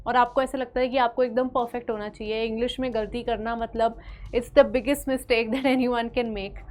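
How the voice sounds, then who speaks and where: Indian woman teaching english, encouraging, kinda high voice, mixes hindi and english. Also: steady tone, moderate pace, darkish tone. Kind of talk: spoken English lesson.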